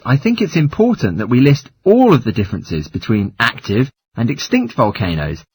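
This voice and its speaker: A man with a slightly husky, mid-range voice reads a scripted listening test dialogue and lecture in a formal, measured, articulate way.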